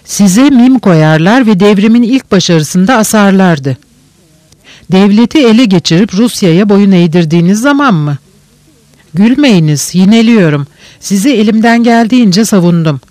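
A male audiobook reader voicing a sly, cheerful young male schemer who talks smoothly and needles his listener. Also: high-pitched, lively intonation, normal speed, a little mellow, no room sound. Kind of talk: audiobook character reading.

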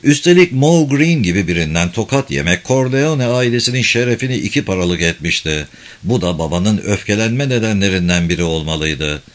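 A man narrating a crime novel as an audiobook in a steady, even reading. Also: lowish voice, fairly quick.

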